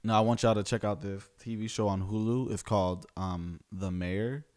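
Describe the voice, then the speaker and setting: Excitable joking man. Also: lowish voice, normal speed. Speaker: podcast co-host. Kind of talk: casual chat.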